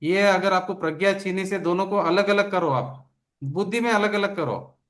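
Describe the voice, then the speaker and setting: A man's voice: sits high, normal speed, fairly bright tone. A man leading a study session as a religious teacher, explaining a text with emphatic, repeated phrases.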